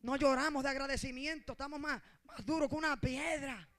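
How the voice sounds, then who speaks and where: A woman pastor with a Puerto Rican accent, preaching an impassioned sermon that swings between shouting and soft asides. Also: sits high, fairly quick. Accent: Puerto Rican Spanish. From Puerto Rico.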